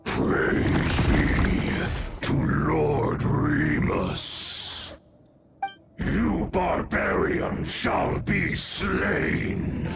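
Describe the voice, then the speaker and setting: An actor playing an ancient, menacing guardian golem in a video game, with solemn archaic speech and a gravelly voice. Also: male voice, on the high side, animated, loud music behind the voice, heavily acted. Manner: slow, archaic, solemn pronouncements.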